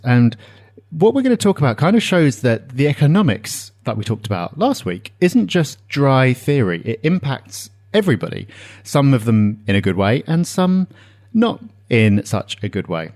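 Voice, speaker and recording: A man's voice: medium pitch, darkish tone. A man co-hosting a podcast, explaining a topic in casual chat and walking through figures with the odd um. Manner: explanatory, citing figures with some filler ums. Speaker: podcast co-host.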